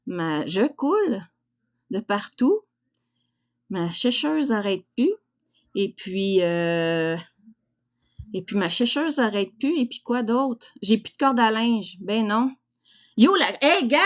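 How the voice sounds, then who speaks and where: A woman's voice: on the high side, fairly bright tone. A middle-aged woman with a Québécois French accent, chatting casually and bluntly as a livestream host, with crude, teasing colloquial talk. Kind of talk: casual live chat reacting to viewers.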